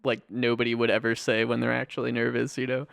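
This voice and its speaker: Man, podcast co-host, mid pitch, smooth clear voice, dry close mic, easygoing movie chat. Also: monotone, quick pace, fairly bright tone, dry recording. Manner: easygoing, lots of agreeing and laughing along. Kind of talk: casual movie discussion.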